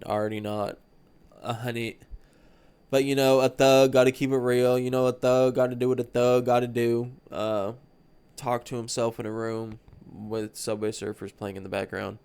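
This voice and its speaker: A man with a stuffy nose hosts a podcast alone, drifting from thought to thought in loose, casual talk. He swears freely and keeps an easygoing tone, his voice sitting at an ordinary pitch for a man. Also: a little mellow, smooth. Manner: rambling, profane, laid-back. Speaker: podcast host. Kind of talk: solo casual chat.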